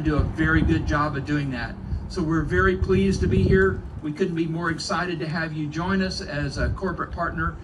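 A man with a Texas accent, a city mayor giving a folksy, halting ceremony speech. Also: on the high side. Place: event at a corporate headquarters. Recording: distant mic with clear background noise.

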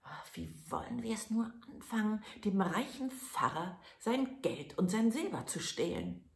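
A woman voicing grown-up male thieves in a storybook reading, in hushed, worried tones. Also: mid-range voice, sing-song, a little slow, voice pushed up. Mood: hushed, urgent. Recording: echoey room.

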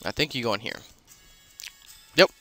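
A man's voice: mid-range voice, big pitch swings, normal speed, a bit bright, soft background music. A man casually commenting while he plays a video game, rambling with many fillers and self-corrections as he explains what he is doing. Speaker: let's play host.

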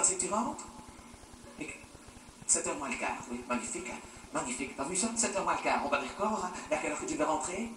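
A man's voice: fairly high pitch, natural voice. A man playing an exasperated, nagging father who scolds his teenage daughter sarcastically in a stand-up sketch, repeating "hein" over and over. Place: theatre stage. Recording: roomy stage sound from far off, faint noise.

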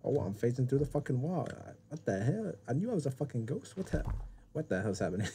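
A young man commentating on a horror game with jumpy, profane reactions and loud outbursts. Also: mid-range voice, big pitch swings, brisk, a little hiss or hum. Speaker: gaming YouTuber.

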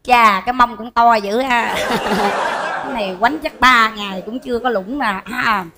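An actress, who talks in rapid, teasing, exclamatory bursts. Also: female voice, a little high, very noisy, natural voice. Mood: scolding banter. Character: sharp-tongued bossy woman performer, quick to mock. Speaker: comedic lead. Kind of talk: stage comedy sketch.

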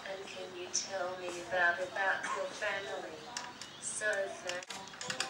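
A woman interviewer asking prepared questions slowly and deliberately, recorded outdoors by a distant camera. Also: on the low side, completely flat delivery, crowd noise. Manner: slow, deliberate, reading questions. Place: outdoor terrace by a glass building. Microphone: far camera. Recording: roomy, distant, noisy outdoor audio.

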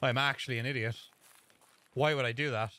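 A young Irish man streaming a shooter game with a friend, excitable, swearing and laughing at himself. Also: mid-range voice, brisk. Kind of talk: gameplay commentary with a friend.

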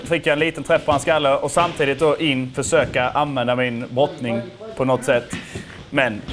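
A young man casually commenting on his own fight footage, animated and self-mocking, swearing freely. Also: medium pitch. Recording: faint music underneath.

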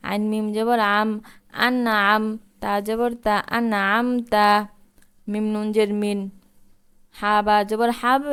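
A woman's voice: a little high, smooth. A woman teaching Quran reading, spelling Arabic words letter by letter and reciting them with long drawn vowels.

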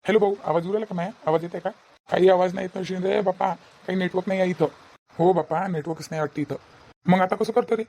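An anxious grown son, gravelly and dark. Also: medium pitch, steady tone, quick pace. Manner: fretting, placating. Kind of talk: cartoon voice acting.

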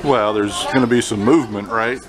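A man behind the camera keeps the talk going with upbeat, prompting questions. His voice sits at an everyday pitch, close to the camera mic. Loud crowd and train noise fill the background. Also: a little fast. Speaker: videographer and narrator. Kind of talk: casual chat and narration.

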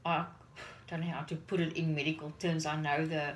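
Speaking a little fast in a deep voice with little pitch movement, the woman chats casually to camera as she works in her kitchen. She's in her forties, a native Afrikaans speaker and parent vlogger, earnest and prone to repeating words as she gropes for the next one. Her phone sits on the counter, and the poor audio carries slight background noise.

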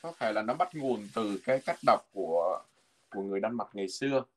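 A man teaching a language lesson from a textbook, patiently repeating words slowly so learners can follow. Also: fairly low pitch, animated, darkish tone.

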